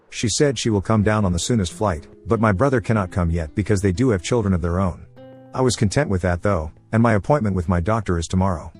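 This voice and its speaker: A man narrating forum posts as a story, reading quickly with few pauses. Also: lowish voice, a little mellow. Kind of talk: fast scripted story reading.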